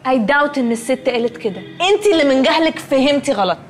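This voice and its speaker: A woman's voice: high voice, animated, fast, a little hiss or hum. An actress with an Egyptian accent playing a fussy, pretentious young woman who sprinkles English words into her speech. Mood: snooty. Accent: Egyptian Arabic. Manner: snooty, mixes in English words. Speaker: sitcom character. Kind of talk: sitcom acting.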